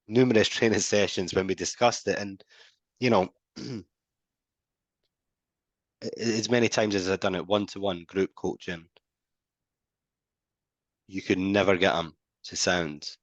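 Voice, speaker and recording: A man with a very low, deep voice tells stories in a loose, animated podcast chat. He slips into other people's voices to act out phone calls. The sound is close and dry, with no room around him. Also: no room sound. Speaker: podcast co-host. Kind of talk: casual podcast conversation.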